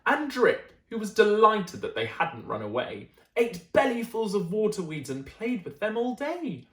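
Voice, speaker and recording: Expressive woman reading a bedtime story. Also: mid-range voice, measured pace, roomy sound. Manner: expressive, adds gentle asides. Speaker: teacher.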